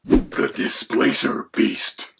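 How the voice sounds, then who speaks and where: A man voicing a menacing male dragon who co-hosts, with a gravelly, whispery voice. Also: very slow. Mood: matter-of-fact. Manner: mock-menacing, then lecturing in turn with the host. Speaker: co-host. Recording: background noise.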